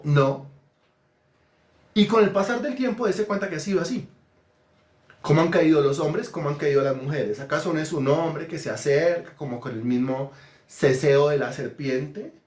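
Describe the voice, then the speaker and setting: A man's voice: fairly high pitch, roomy sound. A man preaching an interactive sermon, asking questions and praising the answers. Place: church hall.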